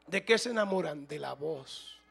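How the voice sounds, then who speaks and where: High, gravelly-voiced preaching man. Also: expressive, normal speed. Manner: preaching, rising to loud emphatic bursts, asks the room. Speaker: pastor. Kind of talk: sermon.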